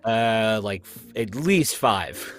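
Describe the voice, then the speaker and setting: A man who handled the sound effects chats casually over a video call on a home mic, laughing often and poking fun at himself. His voice is lowish and very animated, yet he speaks extremely slowly, with faint music behind him.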